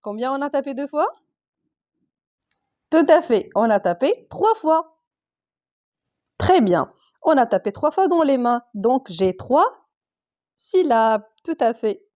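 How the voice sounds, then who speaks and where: A woman teacher, slowly sounding out letters, sounds and syllables for young children in a reading lesson. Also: high voice, sing-song, darkish tone. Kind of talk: primary school reading lesson.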